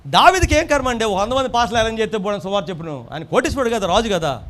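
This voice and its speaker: A man preaching a sermon to a congregation, rising into loud emphatic swells and repeating key phrases. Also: sits high, expressive, racing. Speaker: pastor.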